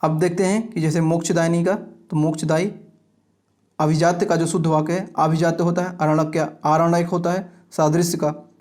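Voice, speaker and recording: A man with a fairly high voice teaching an exam-prep grammar lecture. He reads out example words in steady lists and often pauses to check that his students are following.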